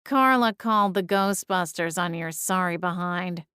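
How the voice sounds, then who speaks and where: A woman voicing a gruff, dry, sardonic male talking cat in an audiobook. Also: lowish voice, measured pace, bright, forceful tone, no echo. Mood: snarky. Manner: dry, snarky. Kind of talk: audiobook character voice.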